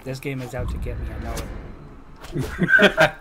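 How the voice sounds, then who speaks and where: A man's voice: medium pitch, little pitch movement, normal speed. A young man giving casual gameplay commentary at home, muttering reactions and breaking into sudden exclamations. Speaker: gaming video creator. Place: room at home. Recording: loud background noise with mouse clicks.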